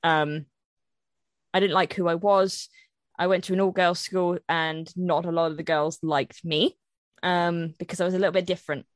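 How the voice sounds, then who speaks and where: A woman's voice: on the low side, steady tone, normal speed, no echo, studio quality. A young woman chatting candidly on a podcast as a cosplayer guest, laughing easily. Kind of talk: casual podcast chat.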